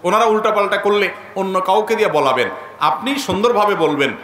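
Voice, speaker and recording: Male preacher, bright and lively, in an echoey room. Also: high-pitched, a little fast. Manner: earnest, rhetorical questions to listeners. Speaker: Islamic preacher. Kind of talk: sermon.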